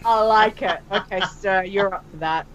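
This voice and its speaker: A woman's voice: medium pitch, moderate pace, a bit bright, low-quality recording. A woman from Australia co-hosting a casual gaming podcast, chatty and laughing often. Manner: chatty, laughs often, acts out in-game dialogue. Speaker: podcast co-host. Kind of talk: casual chat about a video game.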